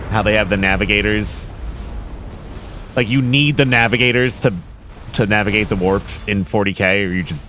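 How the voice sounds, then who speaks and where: A man's voice: lowish voice, a bit bright, a little hiss or hum. A man giving casual, rambling commentary on a game, informal and sweary like an enthusiastic fan. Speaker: video game reactor and commentator. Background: game music and artillery fire.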